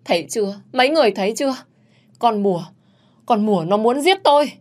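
A woman's voice: lively intonation, brisk, lightly acted. A woman voicing a spiteful young female servant who shrieks her accusations. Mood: shrieking. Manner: shrill and accusing.

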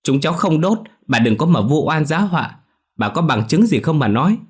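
A man's voice: fairly low pitch, fairly quick, lightly acted. A man voicing a daring, mocking village boy in a spoken ghost story. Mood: defiant. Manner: defiant, mocking. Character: cheeky bold village boy, daring and taunting.

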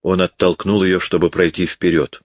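A man narrating a classic novel in a steady, measured reading voice. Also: sits low, no room sound. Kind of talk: audiobook reading.

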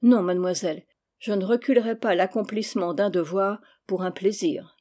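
A woman reading aloud and voicing a young man, a tutor who grumbles and lectures in a measured way. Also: medium pitch, fairly even intonation, mellow, close to an everyday voice. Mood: formal.

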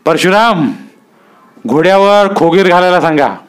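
A narrator puts on a stern village headman, a middle-aged man barking curt commands in a raised, higher pitch. The voice stays smooth and clear throughout this storybook reading. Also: measured pace. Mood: commanding. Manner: authoritative, issues curt orders.

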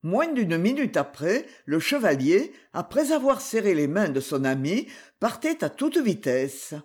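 Expressive audiobook narrator, breathy voice. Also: mid-range voice, a little slow. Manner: expressive storytelling. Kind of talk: scripted narration of an adventure novel.

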